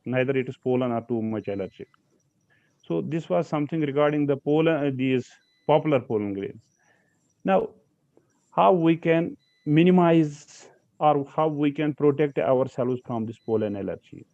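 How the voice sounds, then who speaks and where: Halting man lecturing over a video call. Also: medium pitch, no echo. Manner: halting, many fillers and restarts. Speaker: lecturer on pollen allergy. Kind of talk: online slide lecture. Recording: slightly dull video call audio.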